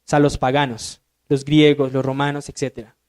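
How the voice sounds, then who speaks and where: A man's voice: medium pitch, flat delivery, a little fast, a little mellow, smooth. A man, a deacon teaching a Sunday school Bible class in an emphatic way, often checking in with his listeners through rhetorical questions.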